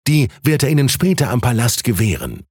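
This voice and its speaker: Guy voicing a gossipy know-it-all townsman in a story, slightly raised voice, husky and lively. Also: mid-range voice, a little fast, no echo, studio quality. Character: knowing, gossipy male townsman neighbor.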